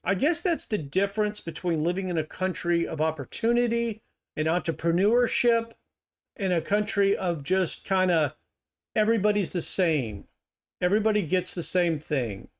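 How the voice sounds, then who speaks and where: A middle-aged man hosts a reaction video with a notably high voice. He fires back at clips in a sarcastic, heated tone, mocking as he argues. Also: expressive, moderate pace. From United States. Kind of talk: reaction commentary.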